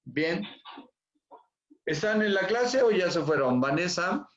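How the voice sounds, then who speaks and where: A man's voice: high-pitched, animated, moderate pace, slight background noise. A man teaching English over a video call, repeating words and checking on his students. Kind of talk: online class teaching. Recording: dull echoey room audio.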